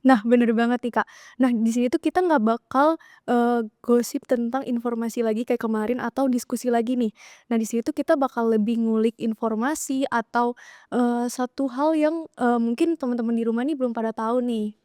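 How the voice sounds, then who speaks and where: A young woman co-hosts a podcast in a slightly high, bubbly voice, agreeing and chatting along with the host. Her voice is close and dry. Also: fairly even intonation, a little fast, darkish tone, no room sound. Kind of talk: upbeat podcast banter.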